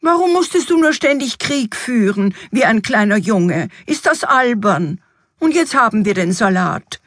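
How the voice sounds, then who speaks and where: A woman's voice: a little high, big pitch swings, measured pace, a bit bright, no echo, studio quality, voice pushed up, exaggerated voice. A woman voicing a peevish, easily upset fairy-tale queen in a storybook reading, complaining and indignant.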